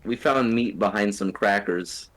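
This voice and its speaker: A man's voice: fairly low pitch, unhurried, a bit bright. Laid-back young man on a voice call. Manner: laid-back, laughs often. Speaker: podcast co-host. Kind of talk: casual chat.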